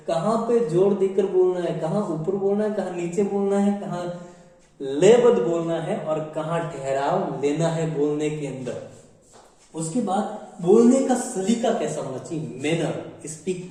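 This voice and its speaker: A man's voice: high-pitched, warm tone. A male teacher gives an exam-prep lecture, often asking a question and then answering it himself, and repeating his points. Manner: repetitive, asks and answers own questions. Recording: echoey room, far from mic.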